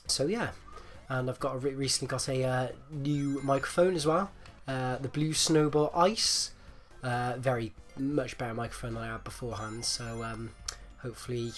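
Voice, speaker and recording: Male gaming host, mid-pitched, chesty and phlegmy as if getting over flu, rambling casual delivery over music. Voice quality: rattly, chesty, congested voice. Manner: hesitant, rambling, repeats himself. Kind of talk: casual gameplay commentary.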